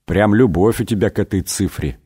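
A man voicing Jesus as a stern, measured figure scolding a disciple. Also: lowish voice, mellow, husky. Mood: reproachful. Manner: measured, reproachful.

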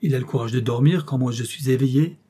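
A man playing a gruff barking old general. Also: mid-range voice, quick pace, mellow, natural voice. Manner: barking, cursing orders. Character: gruff hard-drinking old Russian general.

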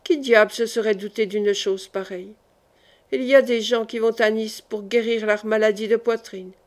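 A woman reading the part of a gentle young man on his deathbed, soft, weary and affectionate. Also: a little high, fairly even intonation, moderate pace, close to an everyday voice. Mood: tender.

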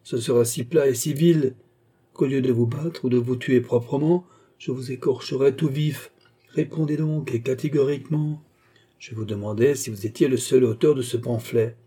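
A man's voice: mid-range voice, moderate pace, dark tone, slightly rough, natural voice. Man voicing a curt military young nobleman. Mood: menacing. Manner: clipped, commanding, threatening.

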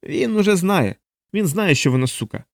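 A high, squealing voice of a plump, terrified man, as the reader puts him on, rambling and frantic, leaping far above the narrator's usual pitch. The audiobook recording is dry and close, with no room sound. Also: animated, moderate pace, no room sound. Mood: furious shriek. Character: frightened plump man shrieking in panic. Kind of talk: audiobook character voice.

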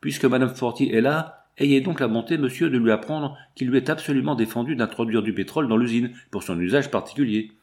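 A man's voice: medium pitch, a little fast, few pauses, a little mellow, voice pushed up, natural voice. A man voicing an officious cashier in an audiobook, prim and tattling. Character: officious male cashier, telltale.

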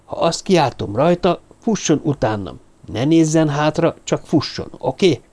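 A man's voice: fairly high pitch, lively intonation, a little mellow, pitched above the performer's own voice. A man voicing a tense male police lieutenant in an audiobook, urgent and commanding.

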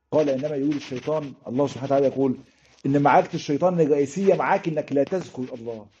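A man's voice: mid-range voice, mellow, slight background noise. A man with an Egyptian Arabic accent preaching a sermon fervently, building into emphatic repetitions. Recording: roomy, dull lo-fi sound.

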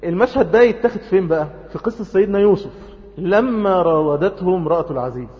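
A man preaching a sermon in Egyptian Arabic, lively, swinging between loud urging and soft, close tones, acting out the scenes he tells. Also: high-pitched, quick pace, big-room sound, muffled recording.

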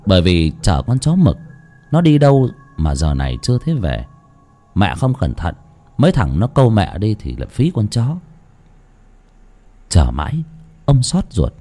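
Expressive male storyteller. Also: mid-range voice. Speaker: narrator. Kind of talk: scripted horror story narration.

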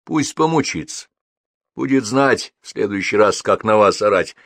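A man voicing a seasoned police colonel who speaks calmly and firmly with a dry irony. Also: lowish voice, moderate pace, no echo. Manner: calm, firm, dryly ironic. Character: seasoned police colonel, calm, dryly ironic.

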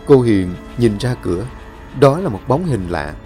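A man narrating a horror story in a dramatic, expressive way. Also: mid-range voice, measured pace, soft background music.

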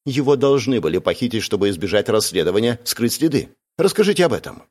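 A man's voice: mid-range voice, sing-song, fast, darkish tone. A man voicing a cold, stern young woman. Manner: cold, clipped questioning.

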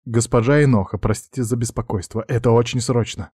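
A man's voice: medium pitch, steady tone, fairly quick, warm tone, breathy edge, no room sound, studio quality, lightly acted. A man doing a stern female bodyguard. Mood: urgent. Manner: clipped commands.

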